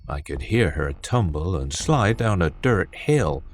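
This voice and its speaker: A man's voice: sits low, big pitch swings, measured pace. A man narrating a horror story with a tense, dramatic reading. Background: faint music.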